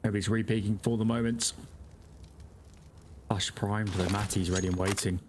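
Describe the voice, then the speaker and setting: A man's voice: lowish voice, steady tone, moderate pace. A man giving analytical live esports commentary as a caster, breaking down the tactics of the play. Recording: noisy, game gunfire behind the voice.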